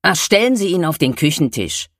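A woman's voice: low voice, sing-song, fairly quick, no room sound, clean studio sound, voice pushed up, exaggerated voice. A woman reading a story aloud, voicing a blunt, unsentimental woman who speaks curtly and matter-of-factly. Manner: matter-of-fact, curt.

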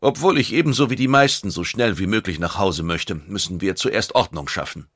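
A man voicing a calm, resolute starship officer. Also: low voice, brisk.

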